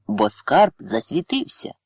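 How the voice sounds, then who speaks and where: A man's voice: mid-range voice, big pitch swings, brisk, a bit bright, dry recording, studio quality. A man voicing an earnest, proud young village lad giving solemn testimony in a read story.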